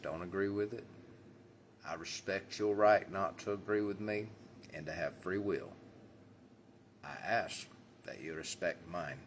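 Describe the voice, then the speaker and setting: A man giving a rambling spiritual monologue, blunt and jokey, swinging from loud bursts to mumbled asides. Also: deep voice, slight background noise. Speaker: spiritual vlogger.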